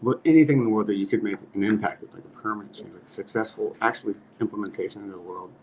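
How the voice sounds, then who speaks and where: Low earnest man rambling on a podcast. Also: rapid-fire. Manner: rambling, earnest, laughs at own jokes. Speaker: podcast host. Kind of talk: casual chat. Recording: slightly muffled with faint noise.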